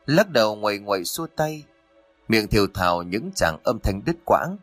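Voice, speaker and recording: A man's voice: fairly low pitch, sing-song, normal speed, no room sound, soft background music. A man narrating a grim horror story with dramatic storytelling.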